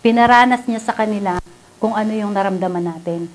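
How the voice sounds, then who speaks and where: A woman with a Filipino accent preaching a sermon in mixed Tagalog and English, animated, asking the audience questions and laughing often. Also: medium pitch, brisk, a little hiss or hum. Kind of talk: Taglish sermon. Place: church.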